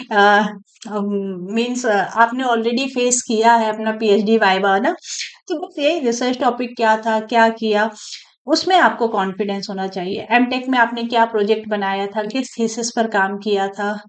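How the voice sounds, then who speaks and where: A woman's voice: a little high, rough recording. A woman teaching in a conversational coaching-lecture style, often adding tag questions to check in with her students.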